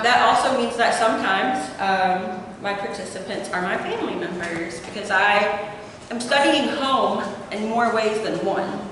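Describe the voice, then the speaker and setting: In an echoey hall full of noise, a distant mic captures a young Appalachian woman's mid-range, fairly bright voice. She is a doctoral student giving a relaxed academic presentation, and filler hesitations crop up throughout.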